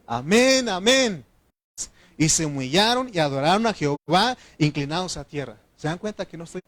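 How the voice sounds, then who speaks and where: A pastor with a Mexican Spanish accent preaches a sermon, animated and at times shouting, calling his congregation "brothers", asking yes or no questions, and asking them to answer "amen". He talks fast in a fairly high voice, and the recording is dry.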